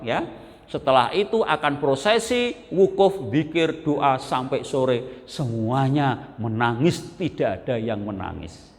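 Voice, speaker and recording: Javanese preacher in an echoing mosque. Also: male voice, a little high. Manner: folksy, animated storytelling with lists and repetition. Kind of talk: sermon. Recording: long reverb of a mosque hall.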